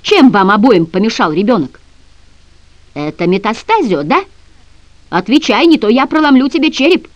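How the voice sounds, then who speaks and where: A woman reading aloud, voicing a stern young gentleman detective who speaks forcefully and growls his demands. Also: on the high side, big pitch swings, moderate pace, long pauses, no room sound. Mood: threatening. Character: stern commanding young male gentleman sleuth. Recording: dry, slightly dull audio.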